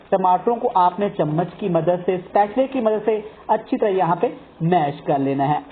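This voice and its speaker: A man from Pakistan hosting a cooking channel, calmly guiding viewers step by step through a recipe. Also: sits high, a little hiss or hum. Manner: calm, methodical, addresses viewers politely as sir and brothers and sisters. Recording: phone-like narrow band.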